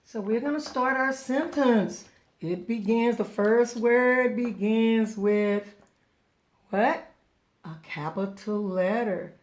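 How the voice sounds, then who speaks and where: Slowly and at a fairly high pitch, a woman teaches young children as a preschool teacher would. She is patient and encouraging, works through things step by step, and asks and answers questions for the listener.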